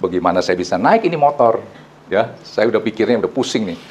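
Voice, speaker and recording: Animated preaching man, slang. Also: lowish voice, fast talker, slight background noise. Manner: animated storytelling preaching with casual Jakarta slang. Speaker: pastor. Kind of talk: sermon.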